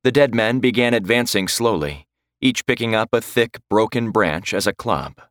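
A man with a lowish voice narrates a horror story in slow, deliberate scripted narration. His pitch rises and falls expressively as he builds the tension. The recording is dry, with no room sound. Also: lively intonation, a bit bright, no room sound.

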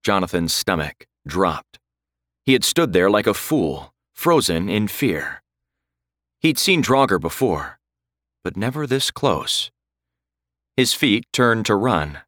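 A man with a lowish voice narrates a horror story in slow, deliberate scripted narration. His pitch rises and falls expressively as he builds the tension. The recording is dry, with no room sound. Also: very animated, fairly bright tone, no echo.

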